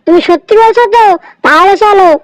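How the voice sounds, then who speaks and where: A naive cartoon goat, voiced by a woman, trusting and easily frightened. The voice is very high, and the recording is dry and close. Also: a little fast, dry recording, low-quality recording. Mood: eager. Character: naive, timid, gullible goat.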